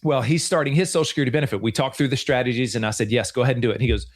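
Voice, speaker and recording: A man's voice: medium pitch, racing. Chatty man in his forties. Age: 40s. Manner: earnest, chatty, repeats himself. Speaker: financial advisor and show host. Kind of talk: casual radio-show chat.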